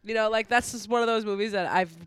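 A woman's voice: medium pitch, fast talker, clear, resonant tone, no room sound. A woman co-hosting a casual podcast, sounding nasal and a bit unwell. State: stuffed up, unwell. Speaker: podcast co-host.

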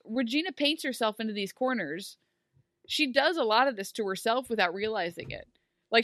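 Dry-sounding woman podcast co-host, animated. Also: medium pitch, dry recording. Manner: animated, rambling commentary with "like". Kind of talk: casual podcast chat.

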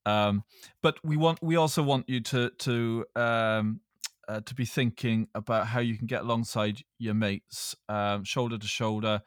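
A man with a Welsh accent hosting a casual podcast chat in a hesitant, halting way. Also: medium pitch, clear, resonant tone, dry recording, studio quality. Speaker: podcast host.

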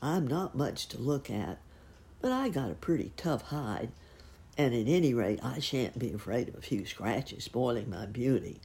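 A woman voicing a gentle, humble male pig who thinks he is ugly, speaking modestly and plainly. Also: a bass voice, animated, normal speed.

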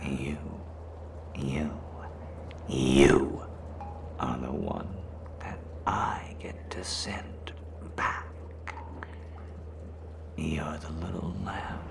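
A man voicing a whispering gravelly cave monster. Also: extremely low pitch, exaggerated voice. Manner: slow menacing whisper, taunting. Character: predatory shapeshifting cave creature, male, cruel and teasing. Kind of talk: audio roleplay.

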